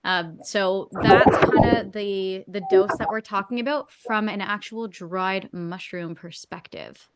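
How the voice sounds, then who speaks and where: A woman's voice: medium pitch, slow pace, few pauses. A woman hosting a live video stream, explaining in a friendly way and reading viewer questions aloud. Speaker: host. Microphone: video call.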